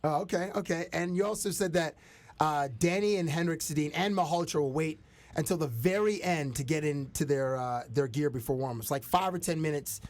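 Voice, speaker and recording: A man's voice: on the high side, a little fast, no echo. A man hosting a casual podcast interview, laid-back and joking, with plenty of slang. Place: Toronto.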